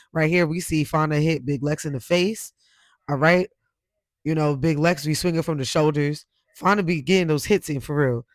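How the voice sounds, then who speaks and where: A man's voice: on the high side, dry recording. A man hosting a casual reality show recap, commenting in slang and putting questions to viewers. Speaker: recap host.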